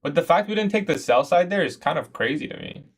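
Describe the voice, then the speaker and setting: A twenty-one-year-old Iraqi man with a slightly high, animated voice talks fast as he hosts a live trading stream. This day trader comments on his trades and answers chat casually, full of slang and calling viewers "bro."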